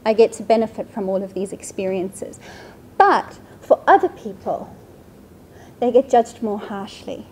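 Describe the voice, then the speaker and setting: Her voice medium in pitch and a little mellow, a Swedish woman in her thirties gives a measured, conversational seminar on slides in a lecture room. She keeps asking her listeners "right?" A faint hiss or hum sits in the recording.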